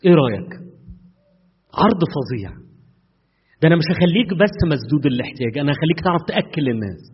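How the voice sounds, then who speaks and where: Egyptian male preacher, husky and somewhat high-pitched, colloquial and earnest, in a muffled, reverberant hall. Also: lively intonation, fast talker. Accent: Egyptian Arabic. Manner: colloquial and earnest, with frequent fillers and rising emphatic bursts. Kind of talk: conversational sermon. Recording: echoey hall, dull lo-fi sound.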